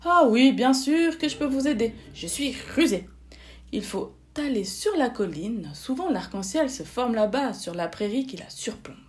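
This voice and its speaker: A friendly little fox with a squeaky, plaintive voice that leaps up high, as a woman reading a children's story plays it. It sounds gentle and eager to be liked. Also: lively intonation, normal speed, natural voice. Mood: helpful.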